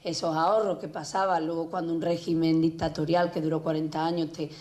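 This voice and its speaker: Hesitant woman journalist with a dark voice. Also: sits low, little pitch movement, a little fast. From Spain. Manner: hesitant, many restarts and fillers. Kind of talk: conference talk. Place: public conference hall.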